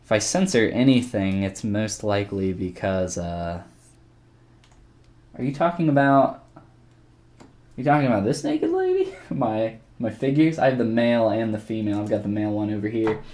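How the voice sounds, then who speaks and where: A man speaking at normal speed in a fairly low voice runs an easygoing sculpting tutorial on a live stream. His talk rambles as he reasons out loud and handles questions from chat.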